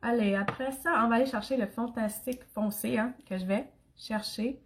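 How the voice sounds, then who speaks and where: A woman's voice: fairly high pitch, moderate pace, a little hiss or hum. A young Acadian woman from Canada, sick with an irritated throat, chatting through a makeup tutorial and talking to her viewers. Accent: Acadian French. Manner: chatty, addresses viewers and live commenters. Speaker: makeup demonstrator.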